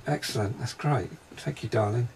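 A man working as a psychic medium, describing impressions in a halting, hesitant way inside a railway carriage during a paranormal investigation. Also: mid-range voice, darkish tone, slight background noise.

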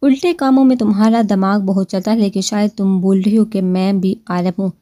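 Woman doing a stern young husband, serious, measured, mellow, dry, storybook. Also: mid-range voice, steady tone, no room sound, lightly acted.

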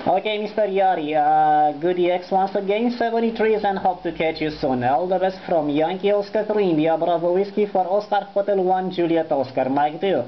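Indoors at a desk by the transceiver, a man with a Romanian accent and a high voice makes a courteous, formulaic amateur radio contact, spelling phonetically. He talks at normal speed with hardly any pauses, and the recording is dull and lo-fi with a little faint noise.

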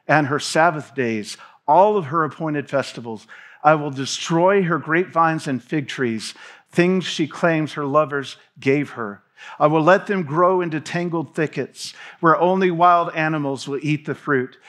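A man in his thirties preaching a sermon from a church stage, reading scripture and gesturing as he speaks. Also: a little high. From Tennessee. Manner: preaching with hand gestures, animated pacing, reads scripture aloud. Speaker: pastor.

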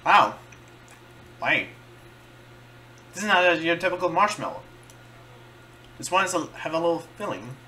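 A man doing a casual food-tasting vlog, halting and searching for words as he chews and talks. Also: a little high, sing-song, pushed and bright, a little hiss or hum. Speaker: vlogger.

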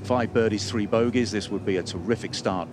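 A man's voice: fairly low pitch, brisk, noisy background. A man working as a golf commentator, calling putts in live sports commentary.

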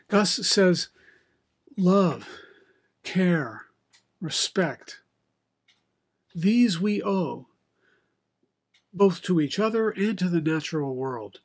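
An older man, preaching a sermon from a home study with bookshelves into a webcam, in a measured, reflective way with many pauses. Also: high voice. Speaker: pastor. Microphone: video call webcam, head and shoulders.

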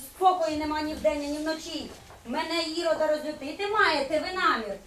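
A woman as a high-voiced declaiming king. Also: normal speed, a bit bright. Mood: irritated, imperious. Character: stately male king of a nativity story. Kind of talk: amateur nativity puppet play acting in verse. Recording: echoey hall, distant noisy mic.

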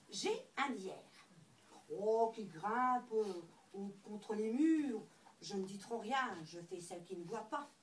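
High, lively woman on a stage. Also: a little hiss or hum. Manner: lively storytelling with wordplay. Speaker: stage performer. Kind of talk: comic stage monologue. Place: indoor stage before an audience. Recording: distant mic in an echoey hall.

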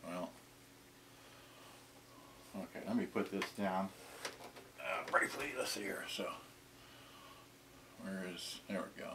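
Handling vintage electronics in a small room, a sixty-something vlogger mumbles casually and in fits and starts to a camera a short way off. His voice is deep with lively intonation and vocal fry, over background noise.

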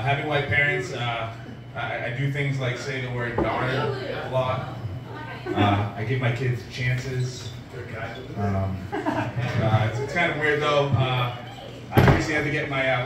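At an open mic on a small, dim bar stage, a stand-up comedian in his forties delivers deadpan one-liners padded with filler pauses to a live audience. His medium-pitched voice comes through a handheld mic, filmed from far back, so it sounds distant and echoey. Laughter and bar-crowd noise fill the background.

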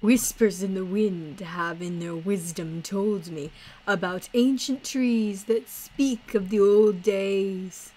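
A woman's voice: mid-range voice, takes it slowly, darkish tone, rough recording. A woman reading the lines of a formal, eloquent male traveler who dreams of founding a circus.

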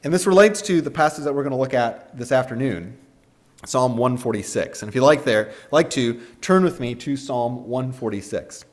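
A man's voice: mid-range voice, moderate pace. A man preaching a casual sermon in a chapel, talking in a loose, conversational way with plenty of fillers. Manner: conversational, chatty, many fillers. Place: church or chapel.

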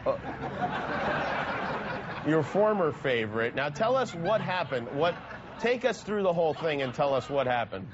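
A male interviewer with a slightly high voice leads a comic interview, his questions dry and teasing. He stands outdoors, and the sound is dull and lo-fi, with clear traffic noise underneath. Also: very animated, moderate pace, pauses often. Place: outdoors outside a restaurant.

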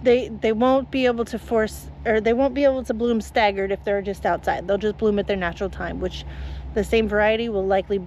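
A woman's voice: mid-range voice, fairly even intonation, brisk, a little mellow, slight background noise. A woman flower farmer, chatty, explaining step by step outdoors in her garden. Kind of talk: casual gardening tutorial.

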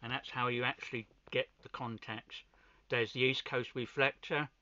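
This amateur radio enthusiast demonstrates his equipment informally and without a script, frequently hesitating and saying things twice. His medium-pitched voice has a sharp tone, little pitch movement, and a moderate pace. The recording is dry, with a dull, lo-fi quality.

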